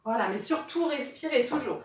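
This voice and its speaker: A woman's voice: sits high, animated, normal speed, heavy background noise. A woman leading a home workout, cueing breathing and counting aloud, a little out of breath as she demonstrates. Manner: encouraging, counts out loud and cues breathing. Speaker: fitness instructor. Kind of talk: guided home workout coaching. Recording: echoey room, voice from far off.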